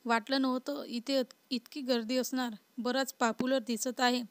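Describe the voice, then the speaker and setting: Woman doing a chatty outspoken young girl in a story, higher voice, pretty flat. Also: moderate pace, no room sound, lightly acted. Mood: cheerful.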